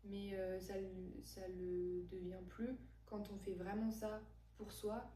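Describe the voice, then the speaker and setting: A young woman in her twenties talks as a podcast guest, thoughtful and hesitant, pausing on fillers. Her voice stays flat and mellow. She is some distance from the mic in an echoey room with a faint hum behind her. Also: medium pitch. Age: 20s. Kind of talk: casual conversation.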